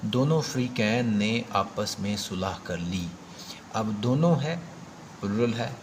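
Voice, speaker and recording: A man's voice: lowish voice, expressive, slow pace, slight background noise. A man with a Pakistani accent teaching an exam prep grammar lesson, explaining step by step and repeating key points with emphasis.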